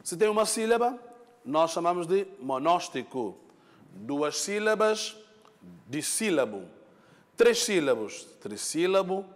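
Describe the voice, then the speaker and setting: A man's voice: sits high, very animated, slow pace, big-room sound. A male teacher giving a lesson, explaining patiently, repeating points, and checking in with his students. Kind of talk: classroom lesson.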